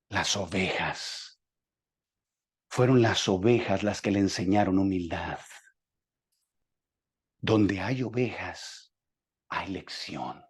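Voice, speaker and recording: A man preaching a sermon as pastor, acting out the dialogue with dramatic swings from soft to loud. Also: medium pitch, breathy edge.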